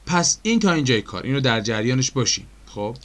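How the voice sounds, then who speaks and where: A man's mid-range voice swings widely in pitch as he narrates a screen-recorded animation tutorial in an Iranian Persian accent. Chatty and step-by-step, he peppers it with fillers and questions, treating his viewers as dear friends.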